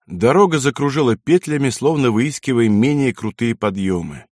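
Measured male audiobook narrator. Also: mid-range voice, expressive, darkish tone, no echo, clean studio sound. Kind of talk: scripted narration.

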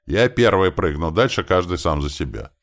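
Gruff squad leader, read by a man, yelling orders, gravelly, lively. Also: low-pitched, normal speed, pitched above the performer's own voice. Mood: shouting. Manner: barking commands at full volume.

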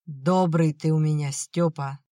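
The audiobook narrator voicing a drunken, bitter old peasant father, raised and slow in delivery, swinging between shouting and tearful self-pity. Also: mid-range voice, steady tone, no echo, studio quality, natural voice. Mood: maudlin, self-pitying. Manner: shouting then maudlin, slurred. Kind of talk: audiobook acting.

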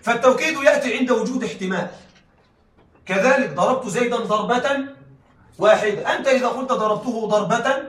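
A man's voice: very high-pitched, a little fast, fairly bright tone. A male teacher giving a classroom lecture, often checking that the class follows and laughing lightly as he explains. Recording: echoey room, mic at a distance.

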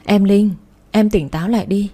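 Brief: woman reading a cold, composed wife, controlled and even, with a mellow voice. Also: mid-range voice, normal speed, breathy edge, lightly acted. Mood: cool, controlled. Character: cold calm wife who got her revenge.

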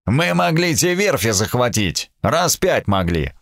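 A man voicing a stubborn, quick-tempered space admiral who barks orders. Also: mid-range voice, sing-song, vocal fry, fairly bright tone, dry recording, clean studio sound, pitched above the performer's own voice, full character voice. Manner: barking, commanding.

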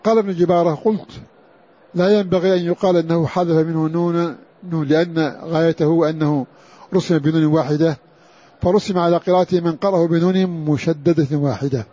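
A man lecturing as a religious teacher, his voice husky and slightly raised in pitch. He repeats key phrases and chants brief recitation samples. It comes through a dull, lo-fi recording. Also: fairly even intonation, brisk, dark tone. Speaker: Quran scholar teaching a class. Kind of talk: classroom lecture on Quran orthography.

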